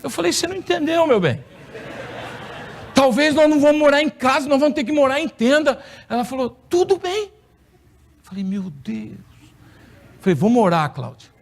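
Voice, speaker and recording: A man's voice: very high-pitched, expressive, normal speed, long pauses. A middle-aged Brazilian man preaching in a church, telling a personal story with playful humor. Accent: Brazilian Portuguese. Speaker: pastor. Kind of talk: sermon testimony. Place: church hall.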